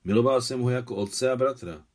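A man reading out a gruff but caring aging war veteran who talks in short, terse lines. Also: mid-range voice, a little mellow, voice pushed up, natural voice.

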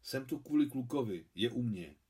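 A man reading an audiobook, voicing a humble, kindly old male hospital watchman who speaks gently and plainly. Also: medium pitch, animated, husky.

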